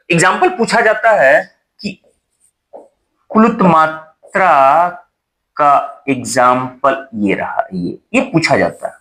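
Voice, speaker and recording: A man's voice: sits high, a bit bright. A young man teaching a Hindi exam-prep lesson at a board, repeating key terms and checking with rhetorical questions.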